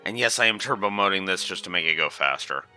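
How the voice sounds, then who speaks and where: A man's voice: low-pitched, animated, fast talker, bright, forceful tone, soft background music. A man hosting a game playthrough, reading dialogue aloud.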